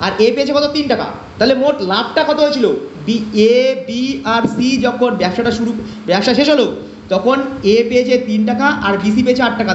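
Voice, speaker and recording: A man's voice: extremely high pitch, a little hiss or hum. A man teaching an online math class, asking and answering his own questions step by step. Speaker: math tutor. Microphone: online class call. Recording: echoey, dull lo-fi online class audio.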